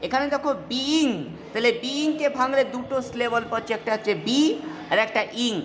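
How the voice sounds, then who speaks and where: A woman teaches a poetry lesson, her voice sitting a little high. She keeps asking her students whether they have understood. The recording has a long hall reverb, and steady background noise stays clearly audible. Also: a little fast. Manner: checks in with rhetorical questions. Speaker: English literature teacher. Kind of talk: explaining a poem in a lesson.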